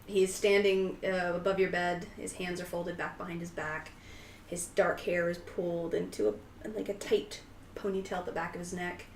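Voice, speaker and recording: A woman's voice: fairly low pitch, level tone, normal speed. Casual woman running a tabletop game. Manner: casual, rambling, giggly. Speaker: game master. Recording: roomy, distant mic, faint hiss.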